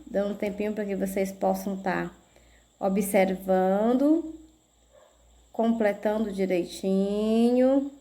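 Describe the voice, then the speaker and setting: Speaking at a medium pitch with a warm tone, a female teacher with a Brazilian Portuguese accent leads a slow, patient video lesson. She spells out syllables and uses little tag questions to check in.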